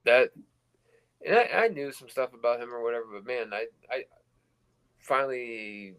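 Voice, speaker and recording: A man co-hosting a podcast, replying in casual chat with hesitant, halting sentences. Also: mid-range voice, animated, fairly bright tone, clean tone, rough recording. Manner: hesitant, halting replies with fillers. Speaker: podcast co-host.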